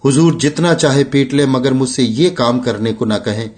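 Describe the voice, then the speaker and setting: A man's voice: medium pitch, moderate pace, darkish tone, voice pushed up, natural voice. A man voicing a desperate male laborer who pleads humbly with his master. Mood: pleading.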